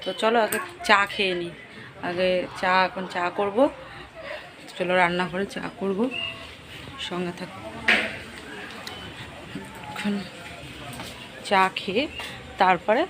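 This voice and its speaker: Middle-aged woman, lower voice, chatty housework vlogger, noisy home kitchen. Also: flat delivery, slow, long pauses. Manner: running commentary on chores, repetitive. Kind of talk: casual chat to viewers.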